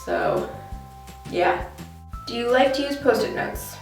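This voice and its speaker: A woman's voice: a little high, wildly swooping pitch, takes it slowly, far from the mic, soft background music. A young American woman chatting casually and informally to camera as a vlogger, recorded in an echoey bathroom. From Connecticut, USA. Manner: talky, informal. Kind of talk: casual chatty tag video. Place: small bathroom, indoors.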